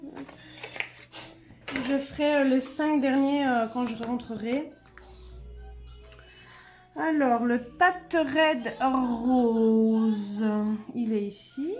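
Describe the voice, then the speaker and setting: A woman's voice: sits high, slow pace, pauses often, darkish tone, faint music behind. A woman casually talking through a craft demonstration, muttering to herself as she searches for items. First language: French. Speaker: craft video host.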